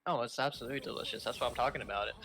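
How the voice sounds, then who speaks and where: A man's voice: mid-range voice, very fast, heavy background noise. A young man from Los Angeles doing casual esports commentary, joking and rambling, often repeating words as he starts. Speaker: esports shoutcaster.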